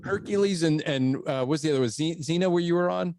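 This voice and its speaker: A man with a somewhat high speaking voice, recorded close and dry with no room sound. He co-hosts a podcast, chatting casually, laughing easily and restarting his sentences. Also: quick pace, a little mellow, no echo. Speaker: podcast co-host. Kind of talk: casual interview chat.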